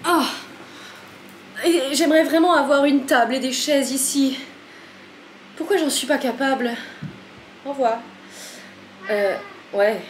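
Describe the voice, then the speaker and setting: A chatty woman with a slightly high voice talks through a casual home vlog, frazzled and self-mocking. She is recorded in an echoey kitchen with a faint hum of room noise behind her. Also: fairly even intonation, measured pace, pauses often. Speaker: vlogger.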